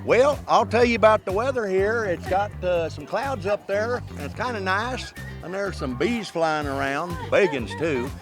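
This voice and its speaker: A man's voice: high voice, animated, normal speed, hardly any pauses, music in the background. A man playing a joking folksy drifter with a put-on twang.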